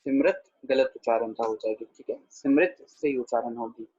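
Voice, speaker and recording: A man teaching a pronunciation lesson online, patiently repeating words slowly and checking in with students by name. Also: medium pitch, steady tone, mellow, slightly rough, no echo. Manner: patient, repeats words slowly to model pronunciation, says 'theek hai' often; addresses students by name, answering their questions. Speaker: Gurbani grammar teacher. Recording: dull dry lo-fi audio.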